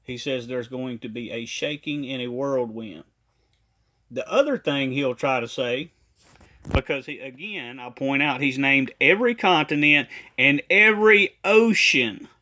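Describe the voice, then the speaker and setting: Slow, emphatic man with a bright voice. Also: medium pitch. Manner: emphatic and deliberate, repeating his points. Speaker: ministry commentator. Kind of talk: critical commentary monologue.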